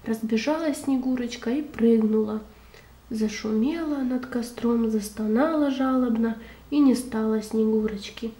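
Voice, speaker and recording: A woman reading a children's fairy tale aloud in an expressive, measured, folksy way. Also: fairly high pitch, roomy sound.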